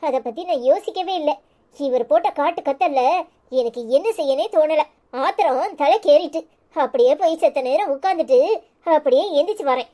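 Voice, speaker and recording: A woman playing a remorseful cartoon mother with a high, soft voice who pleads gently. She speaks with a Tirunelveli Tamil accent. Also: fairly quick, natural voice. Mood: apologetic. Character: remorseful mother of two boys. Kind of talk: cartoon voice acting.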